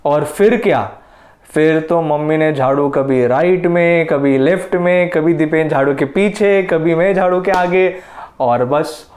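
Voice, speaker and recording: Playful storytelling man, dramatic pitch jumps. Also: a little slow, a little mellow. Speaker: motivational speaker. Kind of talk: personal storytelling.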